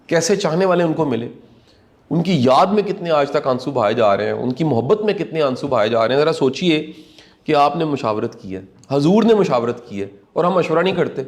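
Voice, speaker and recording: A man giving earnest, preachy commentary on a talk show. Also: a little high.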